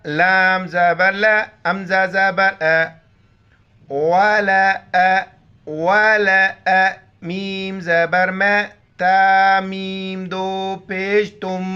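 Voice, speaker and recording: A man teaching Quran reading, with slow drawn-out recitation and quick spoken explanations in between. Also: high-pitched, sharp tone, clear, resonant tone. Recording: slightly dull lo-fi audio.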